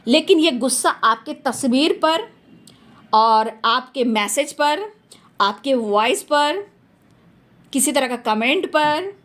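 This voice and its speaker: A woman's voice: high voice, animated, takes it slowly, long pauses, fairly bright tone. A woman doing a tarot reading for her viewers, talking emphatically and repeating phrases for stress. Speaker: tarot reader.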